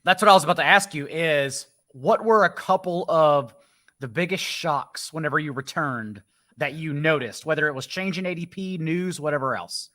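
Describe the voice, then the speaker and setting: Male show host, brisk and joking, bright slightly high voice. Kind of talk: casual podcast chat.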